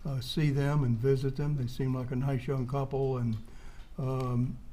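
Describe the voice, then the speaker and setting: A man giving courtroom testimony as a witness in a hesitant, halting, understated way. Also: medium pitch, flat delivery, warm tone, a little hiss or hum.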